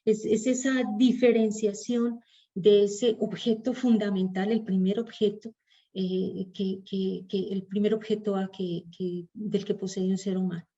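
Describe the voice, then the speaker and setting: A woman with a Colombian Spanish accent lectures in a thoughtful, halting way, circling back as she builds each idea. Her voice is mellow and a little dull in tone, as over a lo-fi connection. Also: medium pitch, little pitch movement. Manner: thoughtful, hesitant, restarts phrases while reasoning aloud. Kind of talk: online psychoanalysis class lecture.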